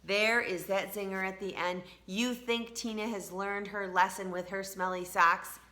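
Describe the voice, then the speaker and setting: This is a teacher, a woman, reading aloud from a storybook for children at medium pitch. She talks right to them, expressive throughout, elongating emphatic words.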